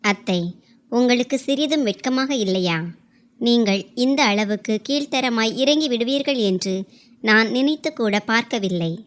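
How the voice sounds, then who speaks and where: A woman voicing a sharp-tongued, scornful young daughter-in-law who mocks and accuses. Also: a little high, moderate pace, close to an everyday voice. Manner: mocking, accusing.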